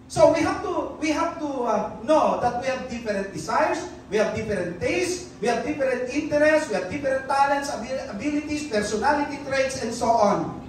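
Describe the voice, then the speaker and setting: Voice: high voice, expressive, normal speed. A preacher giving a sermon, switching between Tagalog and English and quizzing the congregation. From Philippines. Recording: very echoey church hall, distant mic, faint noise.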